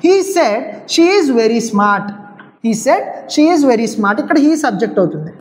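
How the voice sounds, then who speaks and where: A woman's voice: fairly high pitch, sing-song, takes it slowly. A woman with a Telugu accent coaching students for exams on English grammar, often asking rhetorical questions. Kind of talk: exam coaching lecture.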